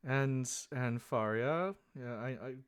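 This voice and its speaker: A woman voicing a curious, fretful townswoman in a tabletop game, stammering and gently prying. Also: a bass voice, slow, clean tone, pitched below the performer's own voice.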